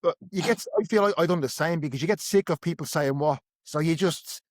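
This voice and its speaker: An Irish man chatting on a podcast, relaxed and conversational. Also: fairly high pitch, a little fast, no echo, studio quality. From Ireland. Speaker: podcast co-host. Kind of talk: casual chat.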